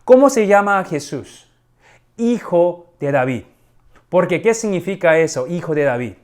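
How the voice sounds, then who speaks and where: A middle-aged man preaching a sermon, teaching slowly and deliberately and asking rhetorical questions. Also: high-pitched, very animated, darkish tone. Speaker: pastor.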